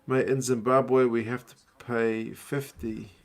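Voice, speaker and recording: On a rugby watch-along stream, a young man chats casually and reads out viewer messages, relaxed, chatty and slangy. His New Zealand accent has been muddled by years abroad. His voice is mid-range and slow, with soft music in the background.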